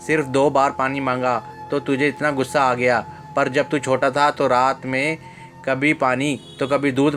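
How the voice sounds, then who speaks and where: A male narrator voicing an aging, patient mother who speaks quietly and gently in his own flat, even voice. Faint music plays behind him. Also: medium pitch, natural voice.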